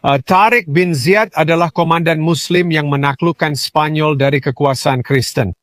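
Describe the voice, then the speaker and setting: A man reading a measured, explanatory scripted narration. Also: a little high, fairly bright tone, no echo, clean studio sound. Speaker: voice-over narrator.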